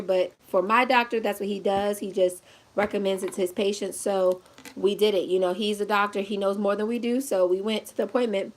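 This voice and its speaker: A young woman talks to her viewers at home in a loose, rambling way, sounding tired and a little short of breath. She calls her audience y'all and laughs between sentences. Her voice carries a medium pitch, and the camera picks her up from a short distance. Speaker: vlogger. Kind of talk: casual pregnancy update vlog. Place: indoors at home, seated in a chair. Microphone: camera set at a distance.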